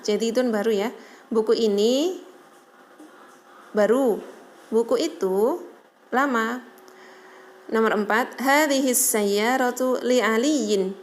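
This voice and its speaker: A woman teaching a recorded Arabic lesson, slowly reading each phrase, translating it and explaining pronunciation with patient check-ins. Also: on the high side. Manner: patient, adds "ya" to check understanding.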